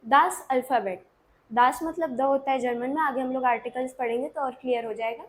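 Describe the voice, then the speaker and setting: A woman's voice: high voice, normal speed. A woman with an Indian accent teaching a beginner language lesson, explaining patiently step by step and checking in often.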